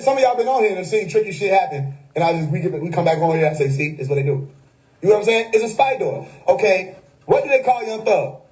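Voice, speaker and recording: A man's voice: sits high, darkish tone, poor audio. A man, hosting a casual livestream monologue that preaches hidden meanings with wordplay and frequent laughter. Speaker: livestream host. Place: home.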